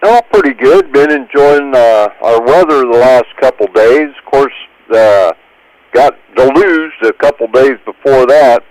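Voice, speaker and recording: An American man checking in on an amateur radio net, chatting casually in an unhurried, hesitant way. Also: medium pitch, a little mellow, no echo, poor audio. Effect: heard over amateur two-meter radio. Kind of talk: casual ham radio chat.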